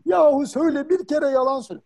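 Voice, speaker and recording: A man voicing a clingy, dramatic young woman being dumped, in a comic sketch, shrill and accusing. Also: fast, gravelly, mellow. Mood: pleading.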